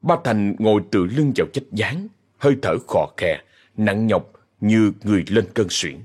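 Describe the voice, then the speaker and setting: A man narrating a scripted horror story in slow, ominous storytelling. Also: on the low side, lively intonation, a little mellow, breathy edge. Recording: narration over faint music.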